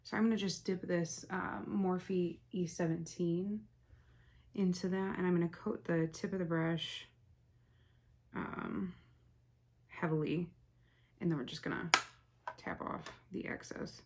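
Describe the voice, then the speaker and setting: A young woman hosting a casual, chatty makeup tutorial, rambling softly as she works and often dropping to a near whisper. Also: on the low side, steady tone, measured pace, pauses often, husky. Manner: rambling, soft-spoken, talks while working, often drops to near whisper.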